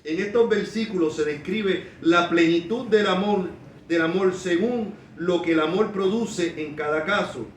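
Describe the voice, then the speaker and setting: A man preaching a sermon as pastor, repeating key phrases slowly and acting out quoted people in quick voices. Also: high voice, slight background noise. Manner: slow emphatic repetition of key phrases. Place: church. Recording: echoey church from a distance, faint background.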